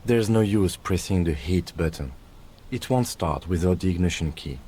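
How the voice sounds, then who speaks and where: A man's voice: deep voice, lively intonation, moderate pace, warm tone, breathy edge, voice pushed up. A man voicing a police car that speaks in a terse, matter-of-fact way.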